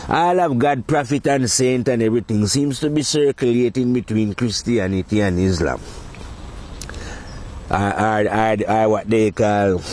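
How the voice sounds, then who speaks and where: A man's voice: lowish voice, darkish tone, a little hiss or hum. Man, rambling casual monologue, provocative, faint background ambience. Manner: rambling, provocative, laughs at his own points. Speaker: podcast host.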